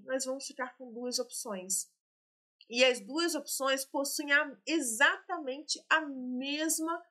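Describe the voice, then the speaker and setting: A woman's voice: on the high side, pushed and bright. A woman, teaching and working through exam questions, explaining and talking straight to her students. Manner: explanatory, addresses students directly.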